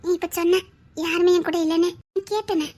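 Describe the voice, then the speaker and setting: A young woman's very high voice pleads gently with her father to stop crying. She speaks in a soothing, tender way, in a TV serial drama. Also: steady tone, brisk. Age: young adult. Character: loving grown daughter consoling her father. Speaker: daughter. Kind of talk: TV serial acting.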